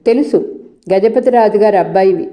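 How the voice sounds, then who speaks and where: A woman's voice: medium pitch, fairly quick, dark tone, close to an everyday voice. Woman voicing a stern, dignified young man.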